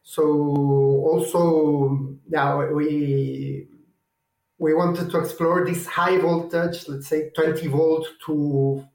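A man with a Chilean Spanish accent, a guest engineer explaining a project haltingly, with many fillers and restarts. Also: fairly high pitch, flat delivery, a little mellow, reverberant, rough recording. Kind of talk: technical interview.

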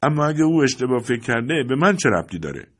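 A man with a husky voice voicing a proud, frustrated Italian teenage boy in an audiobook, pushing out indignant, pleading outbursts. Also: medium pitch, very animated, pitched above the performer's own voice. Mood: defiant. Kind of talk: audiobook character voice.

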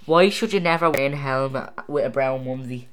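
Halting home-video quiz reader. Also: medium pitch, fairly bright tone, clean tone. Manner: reads questions aloud haltingly, stumbling and restarting. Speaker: quiz host.

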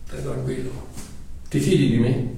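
A man voicing a calm, loving Jesus who speaks softly and reassuringly, recorded in an echoey hall from a distant mic. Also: a little high, rapid-fire, lightly acted. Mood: gentle.

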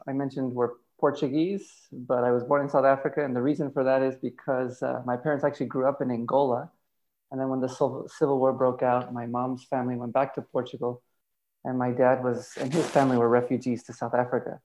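A man in his thirties, a podcast guest, telling his life and faith story in a thoughtful, hesitant way with many pauses and fillers. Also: medium pitch, flat delivery, darkish tone, rough recording. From United States. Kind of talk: casual testimony interview.

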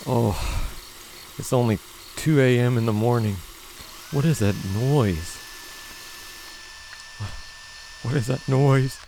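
A man's voice: medium pitch, measured pace, vocal fry, dark tone, slight background noise. A man voicing a sleepy, put-upon husband woken in the night, complaining in an exasperated, whiny way in an amateur comedy audio drama. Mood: groggy.

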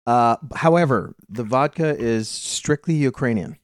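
American male podcast host, mid-pitched, chatty, laughs a lot, dry close sound. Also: unhurried, clean tone, dry recording. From United States. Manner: chatty, laughs often, restarts sentences. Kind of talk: casual movie-review chat.

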